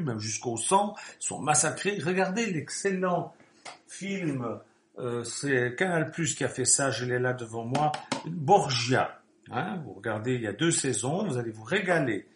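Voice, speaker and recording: A man preaching a sermon, turning to frequent asides and rising to emphatic bursts. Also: mid-range voice.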